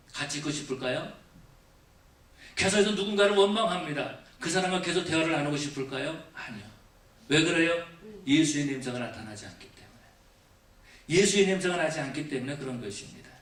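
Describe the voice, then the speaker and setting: A male pastor preaching a Thanksgiving sermon. He questions the congregation again and again and moves between raised emphasis and quiet, low asides. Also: fairly quick. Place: church sanctuary. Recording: echoey church from far off.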